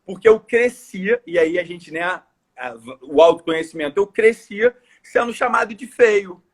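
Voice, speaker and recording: Brazilian male coach, high husky voice, earnest emphatic podcast chat. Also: moderate pace. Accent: Brazilian Portuguese. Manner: earnest, emphatic, repeats phrases for stress. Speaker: coach and course speaker. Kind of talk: casual podcast conversation.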